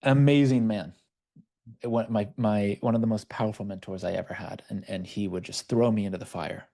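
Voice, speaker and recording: A man with a lowish, gravelly voice leads an online workshop as a life coach. He talks loosely and conversationally, drifting into stories. He is heard through a video call microphone. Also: fairly even intonation, brisk, warm tone. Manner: conversational, storytelling.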